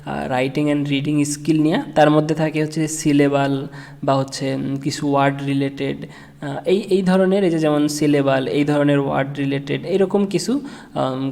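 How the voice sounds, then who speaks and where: Halting man teaching in a reverberant room. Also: fairly high pitch, warm tone. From Bangladesh. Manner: halting, many fillers and restarts. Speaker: online tutorial instructor. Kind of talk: casual screen-share tutorial.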